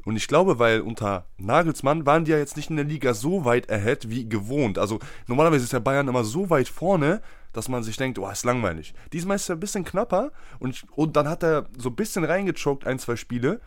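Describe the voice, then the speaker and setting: A man's voice: medium pitch, expressive, brisk, few pauses, dry recording. Slangy young man, dry close sound. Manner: slangy, rambling, laughs often. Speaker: podcast co-host. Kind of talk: casual chat.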